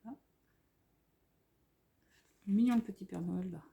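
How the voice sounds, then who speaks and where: A French woman rambles happily through a haul in front of a camera on a tripod, gushing over every cute item. Her voice is mellow and soft-edged, full of fillers and restarts. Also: mid-range voice, measured pace, vocal fry. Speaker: craft vlogger showing a haul. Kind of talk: casual haul commentary.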